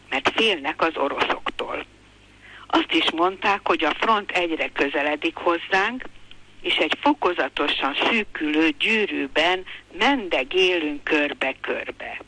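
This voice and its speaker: Older lady reading her own memoir on the radio, slow and calm, bright clear-ish voice. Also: low voice, poor audio. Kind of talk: memoir passage read aloud.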